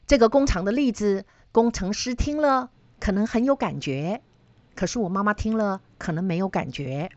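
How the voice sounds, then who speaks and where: A woman's voice: medium pitch, normal speed, a little mellow, no echo, highs cut off. A middle-aged woman teaching data analysis, explaining ideas through personal stories and putting questions to her listeners. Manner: storytelling, asks listeners questions.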